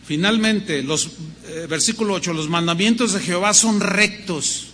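A man's voice: high voice, moderate pace, fairly bright tone, in a large hall, slight background noise. An older man preaching a sermon as pastor, telling a story with acted-out dialogue and rhythmic lists of words.

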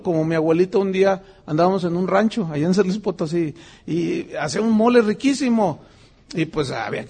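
Animated high-voiced Mexican preacher man. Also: slightly rough. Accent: Mexican Spanish. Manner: animated storytelling, acts out voices. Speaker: pastor. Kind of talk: sermon.

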